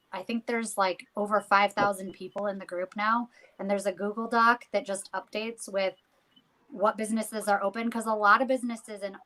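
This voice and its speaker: A woman's voice: medium pitch, a bit bright, poor audio. A chatty American woman co-hosting a casual video call chat about local marketing. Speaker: co-host of a realtor marketing group.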